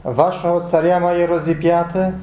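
A man's voice: high-pitched, level tone, moderate pace, dark tone, lightly acted. A man reading Pilate's questions in a liturgical Passion reading in church, in a plain questioning tone. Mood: stern. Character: Pilate, questioning Roman governor. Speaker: reader of Pilate's words. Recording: echoey church room.

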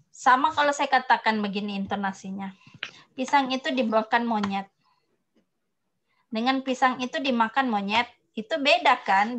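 A woman lecturer answering a student's question in a casual academic talk, pausing often with fillers and restarts, and giving spoken examples. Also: on the high side, fairly bright tone. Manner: hesitant, many fillers and restarts; explains slowly with spoken examples.

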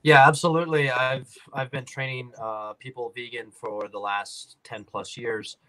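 A man who works as a fitness trainer, answering calmly and explaining at length on a panel over a video call. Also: mid-range voice, moderate pace, poor audio.

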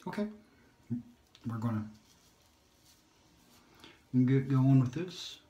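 A man's voice: mid-range voice, lively intonation, slow, mellow. A man chatting casually while he shaves, rambling and poking fun at himself, sometimes sliding into a whisper. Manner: rambling and self-deprecating, drops to whispers at times. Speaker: shaving vlogger. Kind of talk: casual narration while shaving. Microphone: phone or camera on a holder. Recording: roomy home recording.

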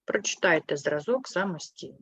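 A woman teaching a primary school class, patient and clear, asking questions and gently correcting her pupils. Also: expressive, fairly quick, no echo. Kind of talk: online class lesson. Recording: muffled low-fidelity sound.

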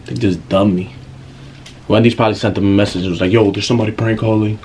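A YouTube prankster in his twenties makes casual prank phone calls from his bedroom, laid-back, slangy and mock-earnest. His fairly low, slightly mellow voice moves fast with fairly even intonation. A camera mic at about arm's length picks him up, along with a little hiss or hum.

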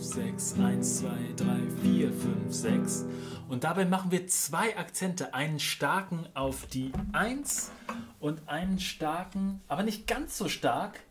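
A man teaching guitar strumming in a casual way, counting the beats aloud and stressing the accented counts. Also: on the high side. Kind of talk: casual instructional talk with counting. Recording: guitar playing under the voice. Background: acoustic guitar playing.

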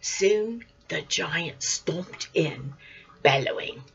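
An older woman reads a children's story aloud, slow and animated, her voice swooping and bright. A breathy quality runs through it, with soft whispered asides. The lo-fi recording sounds dull. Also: mid-range voice.

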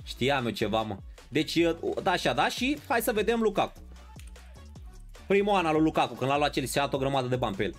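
A man's voice: on the high side, big pitch swings, faint music behind. A man streaming a football video game live, bantering with his chat and playing up mock outrage. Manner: banters and greets viewers in chat.

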